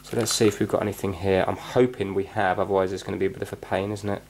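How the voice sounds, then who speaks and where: Rapid-fire and deep-voiced, with little pitch movement, a man hosts an amateur repair video, giving relaxed hands-on commentary and quizzing himself as he thinks aloud. The clicky, noisy recording was made in a room with a wooden floor.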